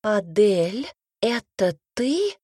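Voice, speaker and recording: A woman's voice: medium pitch, lively intonation, normal speed, darkish tone, husky, no echo, studio quality. A woman voicing a worried woman singer in an audiobook, sighing and pleading. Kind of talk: audiobook character reading.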